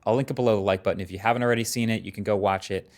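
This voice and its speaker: A man's voice: on the low side, steady tone, very fast. A man presenting tech commentary in a conversational, lightly scripted way.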